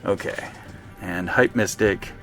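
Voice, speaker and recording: A man streaming a game live, excitably talking to his units and chatting with viewers. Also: on the low side, takes it slowly, soft background music. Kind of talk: live let's-play commentary.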